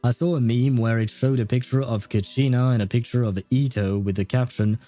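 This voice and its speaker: Faint music plays behind a streamer whose medium-pitched, mellow voice stays steady and moves a little fast. He rambles and jokes through live commentary on a story game, often laughing at himself.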